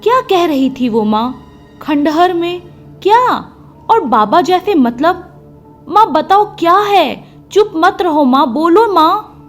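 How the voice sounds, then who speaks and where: A woman voicing a young village daughter just back from her city studies, bright, pleading and quickly alarmed. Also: high-pitched, expressive, soft background music, voice pushed up. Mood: frightened.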